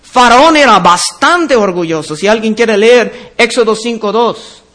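High-voiced preacher man reading scripture. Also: pushed and bright. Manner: reads scripture aloud then explains it, slowing on key words. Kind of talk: sermon, Bible exposition.

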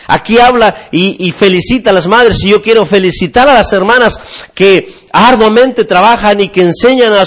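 A male pastor, preaching an earnest sermon to his congregation and acting out the voices of children and parents. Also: high voice. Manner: earnest, repeatedly addresses the congregation as brothers.

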